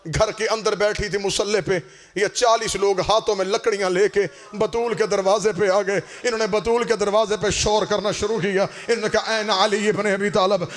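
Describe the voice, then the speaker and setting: A man with a Punjabi-influenced Urdu accent preaching a mourning sermon in a mosque hall, chanting and rising into sung, shouted lament. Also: sits high, fairly even intonation, normal speed. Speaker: Shia preacher. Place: mosque hall before a congregation.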